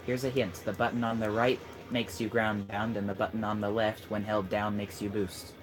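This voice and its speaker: In a casual let's-play chat backed by game music, this man speaks on the low side, in a level tone at normal speed. He's coaching the friend playing beside him, teasing while passing along tips.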